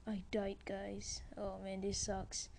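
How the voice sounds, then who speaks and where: A woman's voice: medium pitch, monotone, takes it slowly, creaky, a little mellow, a little hiss or hum. A woman giving casual let's-play commentary, chatting to viewers as she plays. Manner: chatty, talks to viewers while playing. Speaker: gameplay commentator.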